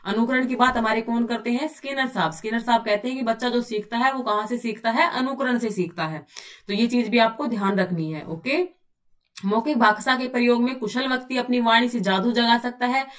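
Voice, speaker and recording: A woman teacher works through exam material, posing question after question to her listeners and then answering each one herself. Her voice sits a little high for a woman and comes across as somewhat distant from the microphone. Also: fairly quick. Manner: explains by asking and answering her own questions, often says "bhai". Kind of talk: exam-prep lecture.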